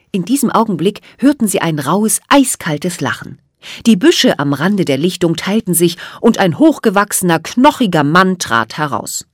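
A woman reads a children's storybook aloud, with a lively voice that swoops up and down for drama. The recording is close and dry, with no room sound. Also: on the low side, husky, no echo. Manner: expressive, dramatic reading. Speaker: audiobook narrator. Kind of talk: storybook narration.

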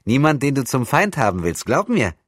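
A cheeky, wary lad, barely more than a boy, teasing with a raised, boyish pitch, as a male audiobook reader puts him on. He stays guarded and a little mocking. The sound is dry and close, as in a storybook recording. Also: big pitch swings, moderate pace, slightly rough, no room sound.

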